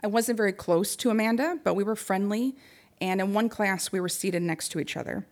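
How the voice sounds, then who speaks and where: A young adult woman giving a prepared talk on supporting grieving people, speaking gently and pausing often. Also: mid-range voice.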